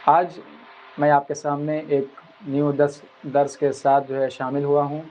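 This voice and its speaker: A man teaching a Quran reading lesson, explaining patiently and drawing out each sound slowly as he spells it. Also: on the high side, monotone, darkish tone, slight background noise. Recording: dull lo-fi recording.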